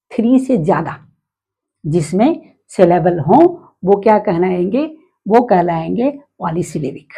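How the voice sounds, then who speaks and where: A woman's voice: on the high side, dark tone, husky. A woman teaching English syllables in a video lesson with a Hindi accent, repeating key terms and asking rhetorical questions.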